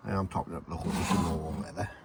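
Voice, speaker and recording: Very deep, gravelly man, noisy recording. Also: flat delivery, quick pace. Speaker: hobbyist demonstrating a homemade gadget. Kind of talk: casual hands-on demonstration commentary. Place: shed and garden, partly outdoors.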